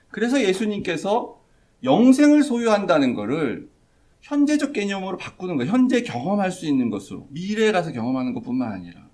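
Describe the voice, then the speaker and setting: Animated Korean male pastor preaching. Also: fairly high pitch. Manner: animated preaching, acts out quotes. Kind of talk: sermon. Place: church sanctuary.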